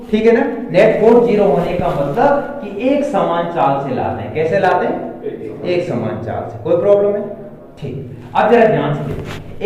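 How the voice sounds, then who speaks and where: High-voiced male teacher in an echoey room. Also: mellow, a little hiss or hum. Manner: keeps asking the class questions to check understanding. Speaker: physics teacher. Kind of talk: classroom lecture. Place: classroom. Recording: echoey classroom from far off.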